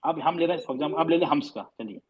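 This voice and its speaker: A male teacher giving an online class on recitation rules, explaining patiently and drawing out example sounds slowly and repeatedly. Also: a little high, slightly rough, muffled recording. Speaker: tajweed teacher.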